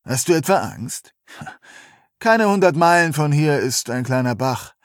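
A man's voice: a little high, lively intonation, a little slow, dry recording, studio quality, pitched above the performer's own voice. A man reading aloud, voicing a large, domineering young man who leads the group with taunts and orders. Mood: bossy. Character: big, bossy young male leader.

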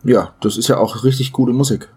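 A man's voice: mid-range voice, fairly even intonation, fairly quick, a little mellow, husky. A man from Franconia, Germany, chatting casually as a podcast co-host with teasing banter. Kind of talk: casual chat.

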